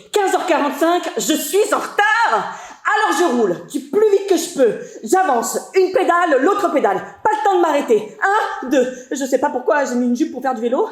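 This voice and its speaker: An actress in her twenties performing a stage monologue as a frazzled young after-school worker, in a rhythmic, breathless delivery with sudden outbursts. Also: sits high. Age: 20s. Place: stage at a theatre festival. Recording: echoey live hall.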